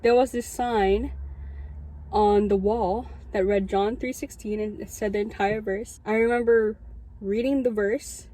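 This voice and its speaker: Warm and medium-pitched with fairly even intonation, a woman in her early twenties gives her testimony as a student chaplain at a measured pace. She's from Southern California, has a Californian American accent, and tells the story informally and conversationally to an audience, often tossing in "like."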